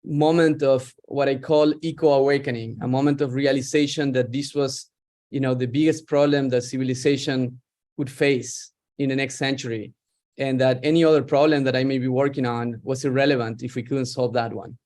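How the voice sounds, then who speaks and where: A reflective, middle-aged startup founder from Argentina is interviewed as a guest over a video call. His voice is mid-range and a little mellow, with a steady tone at a normal speed.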